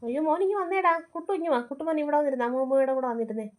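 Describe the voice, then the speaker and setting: A woman's voice: sits high, expressive, rapid-fire. A woman voicing a grandmother in a family cartoon, who chatters and fusses over a crying boy. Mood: doting. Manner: chatty, fussing. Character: gossipy doting grandmother.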